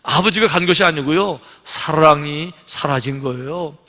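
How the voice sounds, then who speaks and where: A man's voice: fairly high pitch, moderate pace, bright, forceful tone. A male pastor preaching a sermon in a conversational style, full of rhetorical questions and little acted-out scenes. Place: church sanctuary. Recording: long reverb of a church hall.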